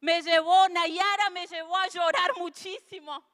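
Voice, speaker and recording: A woman pastor, preaching an earnest sermon that builds into emotional, tearful shouting. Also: very high voice, fairly even intonation, a little slow. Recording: long hall reverb.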